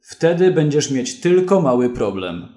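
A man voicing a corrupt policeman who talks quietly and steadily, giving commands. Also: a little high, very animated, a little slow, echoey room. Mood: calm, commanding. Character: calm, menacing corrupt male policeman.

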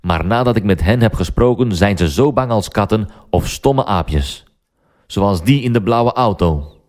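A man's voice: fairly low pitch, expressive, measured pace, darkish tone. A man voicing a stern, wry police sergeant in a language-learning story, speaking firmly and dryly.

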